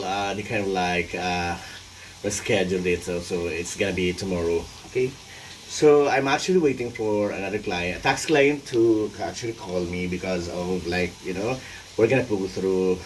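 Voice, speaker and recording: A Filipino man in his forties, talking alone in a rambling vlog, halting and full of fillers, playful at times. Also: deep voice, far from the mic, slight background noise. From Philippines. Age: 40s. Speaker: vlogger and tax consultant.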